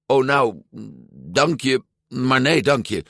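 A man's voice: mid-range voice, expressive, takes it slowly, vocal fry, a bit bright, no room sound, clean studio sound, voice pushed up, exaggerated voice. A man reading a storybook aloud, voicing a timid, anxious teenage sea-monster boy who hesitates and apologizes. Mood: nervous.

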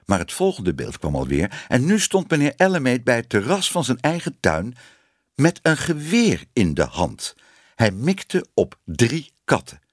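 Lively, expressive male storyteller. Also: mid-range voice, measured pace, no echo, studio quality. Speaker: narrator. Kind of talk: audiobook reading of a children's story.

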